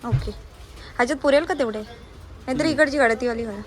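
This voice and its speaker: A woman's voice: high voice, fast talker. A young woman vlogging with a phone while shopping, coaxing and scolding her small child as she goes. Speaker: vlogger and mother. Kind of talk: casual vlog while shopping. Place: busy market outdoors and in a shop. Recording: noisy market background.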